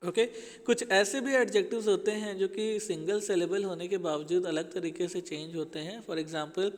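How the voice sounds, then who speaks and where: A man's voice: high-pitched, fairly even intonation, moderate pace, big-room sound. A man teaching an English grammar lesson to schoolchildren, explaining patiently and speaking to them as children.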